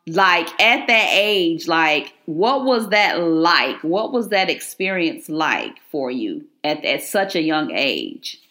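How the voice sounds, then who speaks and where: A woman hosting a podcast draws out her guests with encouraging questions. Her voice sits on the low side. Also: big pitch swings, slow, hardly any pauses, bright, forceful tone. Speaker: podcast host. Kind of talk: interview.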